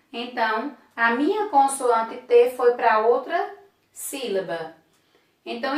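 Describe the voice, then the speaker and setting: A woman's voice: a little high, fairly bright tone, recorded from a distance. A woman teacher, patiently explaining a lesson and sounding out syllables one at a time. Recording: echoey room, voice off-mic.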